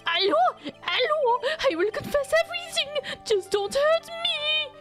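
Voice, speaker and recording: Game character: woman as flamboyant French man, very high piercing voice, French accent, whiny, swooping melodrama. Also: very animated, unhurried, a bit bright, faint music behind, full character voice. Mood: panicked. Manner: theatrical, whiny, wailing. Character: flamboyant, melodramatic, timid effeminate French man, restaurant owner.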